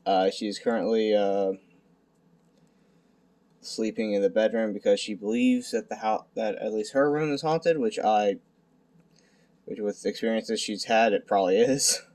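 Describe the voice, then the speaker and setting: Young male, lowish pitch, hushed night-time delivery; unscripted hobby presenter, halting and self-deprecating. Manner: halting, self-deprecating, stumbling over words. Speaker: amateur video creator presenting a card deck. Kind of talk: casual unscripted card game deck profile. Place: at home at night.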